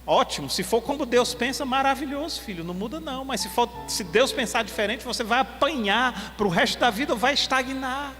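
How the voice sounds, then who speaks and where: A male pastor preaching emphatically, calling out straight to his congregation. His voice is high and bright, with a forceful edge. It carries a long reverb tail through the church hall, with faint music underneath. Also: animated, a little fast, few pauses. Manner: emphatic, addresses the congregation directly. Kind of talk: sermon.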